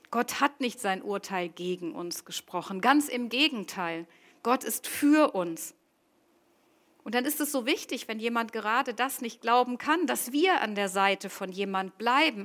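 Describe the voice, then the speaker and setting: A woman with a slightly high voice delivers a devotional sermon. She reads scripture passages aloud and then reflects on them in an earnest, pastoral way. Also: fairly bright tone. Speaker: preacher.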